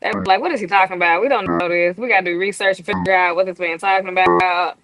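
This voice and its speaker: A woman's voice: fairly low pitch, steady tone, fast, vocal fry, a bit bright. A woman, chatting as an interview guest, teasing and laughing often. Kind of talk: casual interview chat.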